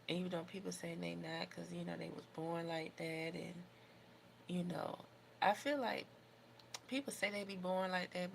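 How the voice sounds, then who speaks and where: Low, creaky-voiced American woman livestreaming. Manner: rambling, opinionated, informal. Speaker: livestream host doing her makeup. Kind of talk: casual livestream chat. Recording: noticeable background noise.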